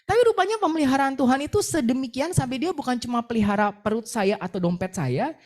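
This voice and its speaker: Lively woman preaching a personal testimony. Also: sits high, fast talker. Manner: lively storytelling, acts out her own words and prayers. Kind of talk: sermon testimony.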